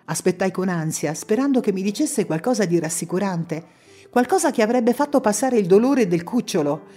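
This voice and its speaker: A woman giving measured, dramatic first-person audiobook narration. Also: mid-range voice, expressive, warm tone, soft background music. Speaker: audiobook reader.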